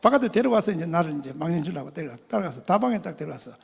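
An older man giving a testimony sermon as a pastor, telling his story in an animated way, acting out quoted voices and laughing often. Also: a little high, very fast, gravelly, husky. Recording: long hall reverb.

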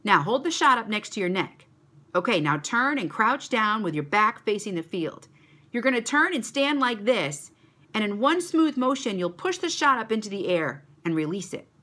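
A woman's voice: medium pitch, very animated, moderate pace, pushed and bright, pitched above the performer's own voice. A woman voicing a kind, encouraging male track coach in a storybook reading. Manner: upbeat, praising.

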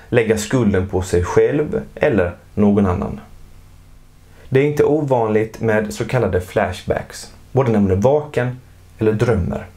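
A man with a somewhat low voice narrates an educational explainer in a calm, measured way. His delivery is scripted and informative, recorded as a close voice-over.

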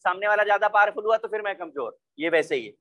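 A man's voice: sits high, animated, fast talker, pushed and bright, muffled recording. A man teaching a chemistry class from India, explaining step by step and mixing English terms into his talk. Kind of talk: online class lecture.

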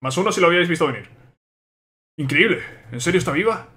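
A young man from Spain with a Spain Spanish accent, hosting an excited let's play and reacting aloud, often repeating his words. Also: fairly high pitch, fast talker. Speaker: gaming video host.

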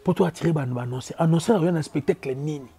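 A man with a Congolese French accent delivers a heated, repetitive rant as a football commentator. His voice sits high for a man yet sounds dark and mellow in tone. He hammers each point again and again. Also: husky. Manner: emphatic, repetitive, rapid code-switching. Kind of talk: opinion rant on local football.

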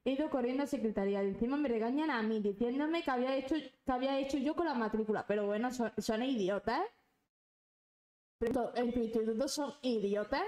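A young woman rants on a casual live stream, swearing and fuming. Her voice sits a little high. The room around her is echoey. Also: fairly quick, darkish tone. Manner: angry ranting, swearing.

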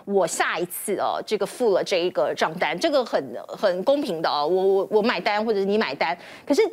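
A woman with a Taiwanese Mandarin accent hosting a news talk show in a television studio, brisk and chatty, tagging phrases with soft particles. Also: mid-range voice, big pitch swings. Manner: brisk, chatty, with frequent "哦" tags.

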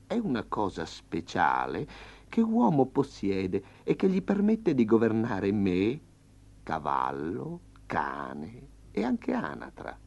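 A man's voice: on the low side, huge pitch swings, creaky, darkish tone, exaggerated voice. A man doing a proud, timid buffalo. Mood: condescending. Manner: slow, self-important explaining. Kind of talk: storybook reading. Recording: slightly dull lo-fi.

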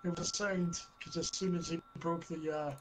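High-voiced man chatting over a game. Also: fairly even intonation, noisy background. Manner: laughing, swearing, quick reactions. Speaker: gamer on a live stream. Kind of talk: casual chat while gaming.

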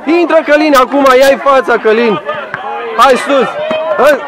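A man coaching from the sideline, shouting urgent instructions to his players. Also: very high voice. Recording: noisy live crowd. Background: crowd chanting at a match.

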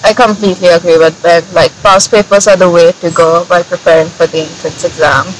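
A woman's voice: fairly low pitch, steady tone, a little fast, rough recording. A young woman, an engineering student, hosting a casual interview outdoors and asking questions in a friendly, chatty way. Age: young adult. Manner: friendly, asks questions with frequent "like". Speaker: channel host, engineering student. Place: outdoors in a grassy field. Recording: outdoor noise in the background.

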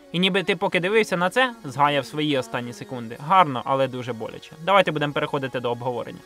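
Over background music, a Ukrainian man raised in a village delivers a scripted video review full of slang, swearing and sardonic, self-mocking bluntness. His voice is on the high side, pushed and bright.

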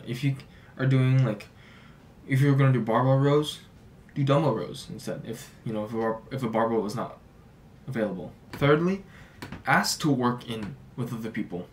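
A young man in his twenties giving gym advice in a relaxed way, full of "like" fillers, in a small home office. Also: medium pitch, moderate pace, distant mic, a little hiss or hum. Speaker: fitness YouTuber. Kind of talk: casual talking-head advice.

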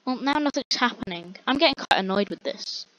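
A young woman giving rambling, exasperated commentary on a slow-loading online game while chatting with a friend. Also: fairly high pitch, expressive, a bit bright, dry recording. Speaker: gamer. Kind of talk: casual gameplay commentary. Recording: dull lo-fi dry recording.

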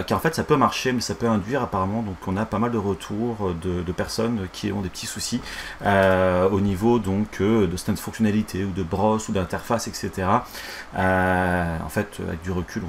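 A middle-aged man with a fairly low voice talks through a live tutorial from a small office. He lisps, his s sounds coming out slushy, and explains things informally with some hesitation. A fan whirs audibly behind him. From France. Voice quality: lisp, slushy s from a broken tooth. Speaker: software instructor and streamer. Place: small home office, indoors. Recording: clear fan noise behind voice. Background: whirring fan.

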